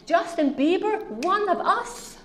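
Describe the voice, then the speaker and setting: This middle-aged Norwegian woman has a very high voice and speaks slowly with a Norwegian accent. She gives an earnest, emphatic conference lecture, putting rhetorical questions to the audience. There's a little hiss or hum.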